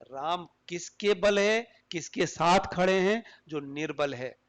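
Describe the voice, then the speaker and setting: A man giving a recorded lecture, explaining slowly and deliberately and reading examples aloud. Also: sits high.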